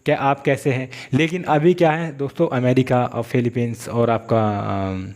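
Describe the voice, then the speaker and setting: This is a man teaching an English grammar lesson in a plain, mid-pitched voice. He works through examples patiently and step by step. He often repeats himself and restarts his phrases as he goes. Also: fairly even intonation, moderate pace, a little mellow. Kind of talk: classroom-style grammar lesson.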